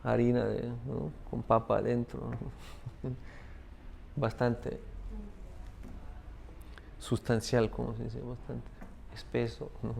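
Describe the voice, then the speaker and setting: Gravelly-voiced man giving a spiritual talk. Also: medium pitch, little pitch movement, slow pace, pauses often, darkish tone, a little hiss or hum. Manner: tag question "¿no?" after many phrases. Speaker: spiritual teacher. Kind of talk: devotional talk with a parable.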